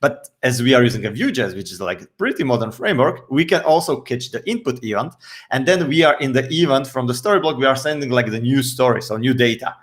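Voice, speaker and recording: A man's voice: medium pitch, lively intonation, fast talker. A man explaining code step by step as a guest, patient and a little hesitant with many fillers. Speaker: developer guest explaining a tool. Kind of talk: casual technical explanation.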